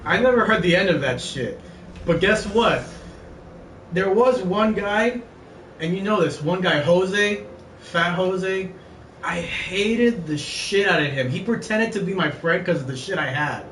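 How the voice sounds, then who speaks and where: A man's voice: high voice, animated, measured pace, fairly bright tone. Young man rambling through a laughing story. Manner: rambling, laughing, acts out quoted friends. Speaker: gamer telling stories. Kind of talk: casual storytelling while gaming. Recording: roomy, distant, faint ambient noise.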